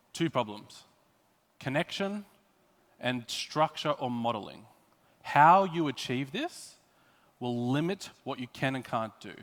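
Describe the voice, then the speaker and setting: In an echoey conference hall with long reverb, an Australian speaker works through a prepared technical presentation, explaining with emphasis. His voice is mid-range and fairly bright.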